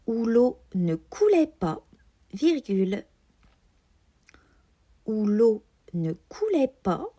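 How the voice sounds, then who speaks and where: A woman dictates a text like a schoolteacher, extremely slowly and deliberately. Her tone is soft and mellow, with careful articulation. The pitch moves expressively through each measured phrase. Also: sing-song. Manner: careful, deliberate enunciation with marked liaisons. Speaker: teacher giving a dictation. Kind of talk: dictating slowly, repeating phrases and speaking punctuation aloud.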